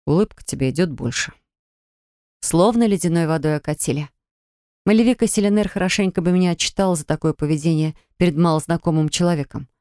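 A woman reading a first-person story as an audiobook narrator, with an expressive, emotive delivery. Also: on the low side, fast talker, smooth, no echo, studio quality.

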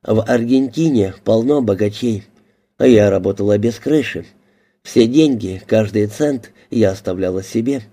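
A defiant woman with a hidden past throws back sharp, defensive retorts, as a male audiobook reader voices her. The tone stays dark and mellow. It sits on the low side. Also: normal speed, lightly acted.

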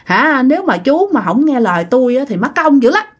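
Woman voicing a gentle pleading exorcist. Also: high-pitched, sing-song, brisk, husky, exaggerated voice. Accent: Southern Vietnamese (Mekong Delta). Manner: soft, pleading, patient. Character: gentle older male exorcist master.

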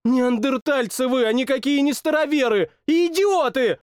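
A man voicing a fierce, indignant young woman from another world who scolds in a sharp, rapid-fire way. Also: very high voice, clean tone, no echo, studio quality, voice pushed up.

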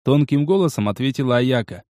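A man, the author, narrating his novel as an audiobook in a steady storytelling voice. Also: medium pitch, fairly quick, dry recording, clean studio sound. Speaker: author reading his book.

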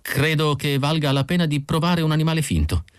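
A man's voice: fairly high pitch, fairly even intonation, a little fast, clean tone, no room sound, studio quality, voice pushed up, natural voice. Man doing a tearful grieving housewife. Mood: anxious. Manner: tearful, pleading. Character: grieving middle-aged housewife, emotional and anxious. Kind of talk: audiobook character voice.

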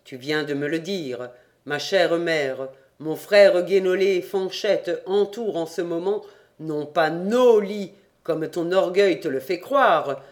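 A man reading an adventure novel aloud in first person, calm and measured. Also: high-pitched. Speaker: audiobook reader. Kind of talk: scripted narration of an adventure novel.

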